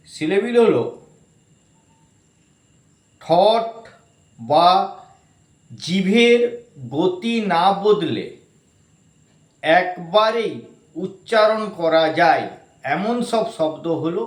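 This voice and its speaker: A man's voice: high-pitched, big pitch swings. Man, grammar teacher, spells words letter by letter, echoey room. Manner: slow, spells words letter by letter and breaks them into syllables. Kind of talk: explanatory lesson.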